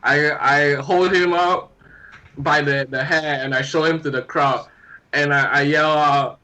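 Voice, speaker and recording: Eager man with a bright voice. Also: a little high, steady tone, a little slow, rough recording. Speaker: player. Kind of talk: describing moves in a tabletop game.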